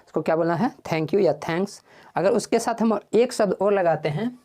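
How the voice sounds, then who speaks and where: A man giving a spoken English lesson. He asks the class questions, answers them himself and says English phrases slowly, word by word. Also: sits high, warm tone.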